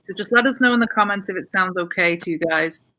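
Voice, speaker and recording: Upbeat female live-stream host, bright voice, chatty and easygoing. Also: lowish voice, fast. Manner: upbeat, chatty, handling tech hiccups on the fly. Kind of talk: casual live-stream chat.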